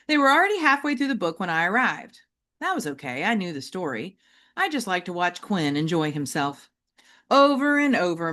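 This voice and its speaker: A teacher reads a children's novel aloud in expressive, audiobook-style storytelling aimed at kids. Her voice sits in a lower register, with very animated intonation and deliberate, emphatic phrasing.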